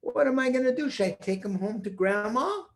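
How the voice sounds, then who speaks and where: A man voicing a tender-hearted, excitable young boy hero in a children's story, exclaiming and fretting as he coos at small animals. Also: very high-pitched, brisk, voice pushed up. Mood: cooing, worried.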